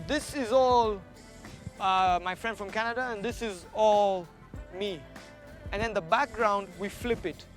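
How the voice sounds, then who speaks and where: A man's voice: high-pitched, unhurried, faint music behind. A man talking casually and reflectively as a street artist in a documentary, often repeating words for emphasis. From Kenya. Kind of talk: casual documentary interview and walk-along talk.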